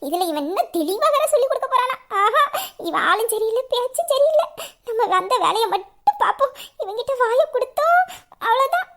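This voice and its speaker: A woman voicing a sharp-tongued young office assistant in an audio drama, grumbling asides under her breath. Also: very high voice, very animated, a little fast, exaggerated voice. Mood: exasperated. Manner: grumbling asides, exasperated muttering. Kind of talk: Tamil audio drama acting.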